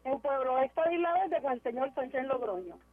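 A woman calls into a radio show, chatting eagerly and stumbling over repeated words. Her voice sits high. It comes through a tinny, narrow phone line. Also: lively intonation, brisk. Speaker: caller.

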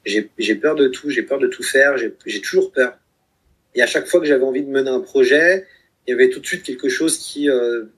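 Husky-voiced man in his thirties. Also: mid-range voice. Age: 30s. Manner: hesitant, many fillers and restarts. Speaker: guest, author of a book project. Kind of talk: reflective conversational talk.

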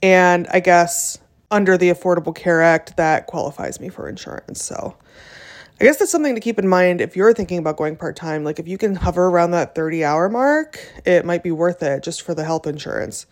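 A woman's voice: fairly low pitch, fairly quick. A young adult woman hosting a casual solo podcast, chatty and loose, full of ums and likes, with little self-deprecating laughs. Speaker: podcast host.

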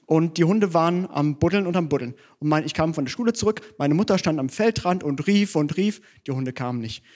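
A man's voice: on the high side, lively intonation, brisk, darkish tone. A man preaching a sermon in church, conversational and self-deprecating, mixing teaching with personal stories.

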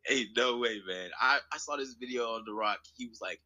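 A young man chatting casually in a group, animated and slangy, often laughing. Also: mid-range voice, brisk.

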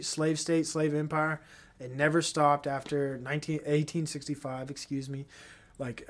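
A young man hosting a solo podcast, ranting in a profane, heated way, then trailing off into mumbles. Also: fairly high pitch. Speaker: podcast host.

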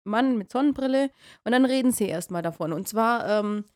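A woman co-hosting a casual podcast, recapping a story with many fillers and frequent laughs. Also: a little high. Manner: lively, laughs often, halting fillers. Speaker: podcast co-host. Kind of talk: casual chat recapping a radio play episode.

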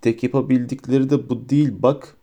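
A man plays a spiteful teenage schoolboy bully from a storybook who sneers and taunts with every line. The voice is mellow and dark rather than bright. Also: medium pitch, level tone, brisk, natural voice. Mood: sneering. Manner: mocking and taunting.

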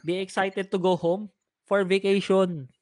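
A Filipino man hosting a casual talk show, speaking earnestly and haltingly to listeners. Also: high-pitched, flat delivery, a little mellow, no room sound, studio quality. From Philippines. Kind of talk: casual chat with listeners, Tagalog mixed with English.

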